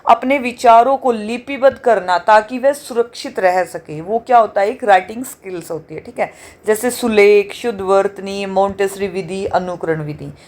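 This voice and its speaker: A woman's voice: mid-range voice, moderate pace, a little mellow. Hindi-speaking woman teaching exam revision. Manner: explains with everyday examples, keeps asking "theek hai?".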